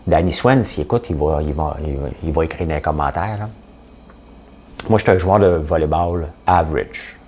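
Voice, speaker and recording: Low-voiced Quebec French man chatting. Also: normal speed, a little hiss or hum. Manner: chatty, rambling, animated storytelling. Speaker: host. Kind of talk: casual morning talk to camera. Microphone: studio camera setup.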